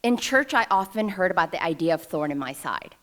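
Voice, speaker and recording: At a ceremony, a thirtysomething New York City alumna takes the stage and tells her own story into the podium microphone, her humor dry and self-mocking as the audience listens. Her voice is on the low side, animated and fairly quick, with a fairly bright tone.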